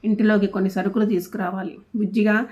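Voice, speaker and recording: A woman's voice: mid-range voice, flat delivery, fast talker, a little mellow, dull audio, natural voice. A woman voicing a clumsy, fussing middle-aged father who exclaims and grumbles at his son in a storybook. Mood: grumbling.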